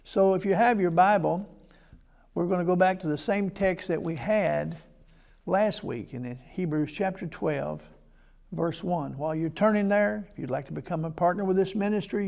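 A man's voice: high voice, creaky, a little mellow. A middle-aged male pastor, preaching a televised sermon in a folksy storytelling way with Bible readings.

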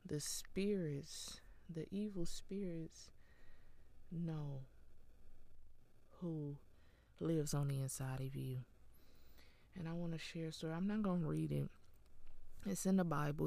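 A woman gives an earnest, encouraging devotional talk with an unhurried, gravelly voice. She often sinks into a soft whisper, her tone warm and mellow. The sound is close and dry. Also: low voice. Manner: earnest, encouraging, with small laughs.

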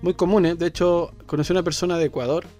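A man's voice: a little high, steady tone, quick pace, mellow, soft background music. A man with a Chilean accent, co-hosting a casual radio chat and talking with many fillers and restarts. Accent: Chilean Spanish. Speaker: co-host.

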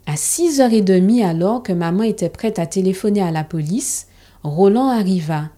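A woman narrating a children's story in a calm, steady storybook reading. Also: medium pitch, moderate pace.

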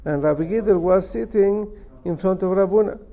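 High-voiced New man teaching. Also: moderate pace, lo-fi sound. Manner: emphatic, repeats and explains step by step. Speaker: rabbi teaching a Talmud class. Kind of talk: religious lesson, reading and translating a text phrase by phrase.

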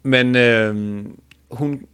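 A man's voice: mid-range voice, steady tone, a bit bright, smooth. A man casually retelling an embarrassing date story to a co-host, joking crudely and laughing along. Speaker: podcast host.

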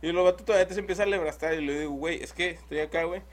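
A man's voice: on the high side, rapid-fire. A young man with a Mexican accent telling a long story in casual chat, rambling and full of slang filler words. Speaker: podcast host.

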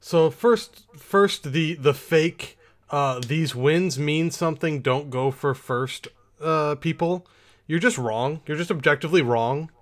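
A man's voice: fairly high pitch, takes it slowly. A man co-hosting a podcast in casual chat, ranting in an exasperated, emphatic way, a little tipsy. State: tipsy from drinking. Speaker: podcast co-host.

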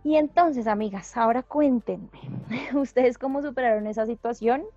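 A woman hosting a talk, calmly going through tips one by one. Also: a little high, normal speed, no room sound, soft background music. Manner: explains step by step, calm and reassuring. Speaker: podcast host giving advice. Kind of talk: casual advice talk, listing tips. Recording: dull, dry, slightly lo-fi audio.

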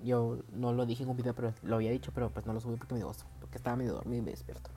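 Un hombre con acento centroamericano que habla en su podcast de forma casual, chismosa y presumida, con cambios dramáticos de tono. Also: male voice, steady tone, rapid-fire. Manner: dramatic, gossipy and boastful, with big swings in pitch and loudness. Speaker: podcast host.

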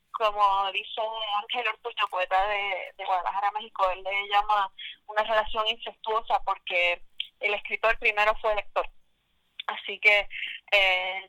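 A woman's voice: mid-range voice, bright, forceful tone, no echo, rough recording. Woman, 40s, Puerto Rican accent, interview guest, reflective with fillers, dry close sound. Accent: Puerto Rican Spanish. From Puerto Rico. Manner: reflective, many fillers and restarts. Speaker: guest poet. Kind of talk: casual interview.

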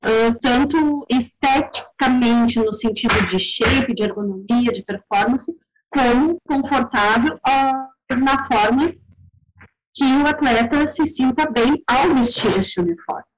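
A woman, speaking as a panelist in a casual discussion, measured and thoughtful with frequent hesitations. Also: on the high side, soft background music, rough recording.

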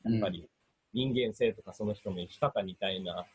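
A young man with a Kansai accent, a rock band guitarist chatting on a casual radio show, talking in thoughtful, measured phrases. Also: on the low side, a little hiss or hum. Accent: Kansai Japanese. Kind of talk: casual chat.

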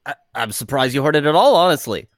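A man's voice: mid-range voice, expressive, fast talker, no room sound, studio quality. Stammering, flustered man in his thirties. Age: 30s. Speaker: comedy interview guest. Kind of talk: improvised comedy interview.

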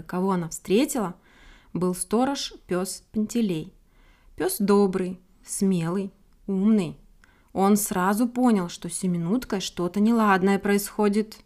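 A woman narrating a children's fairy tale in a gentle, expressive storybook reading. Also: medium pitch.

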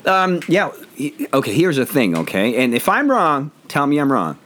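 Hoarse man hosting, lively rambling talk. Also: a little high, moderate pace, slight background noise. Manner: jokey, rambling, self-deprecating. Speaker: podcast host. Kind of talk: casual chat. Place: home.

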